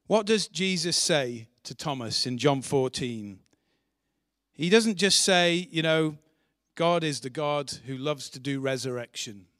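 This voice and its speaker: A man's voice: fairly high pitch, animated, measured pace, a bit bright, dry recording, clean studio sound. A man preaching a sermon in church, earnest and asking the congregation questions. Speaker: pastor.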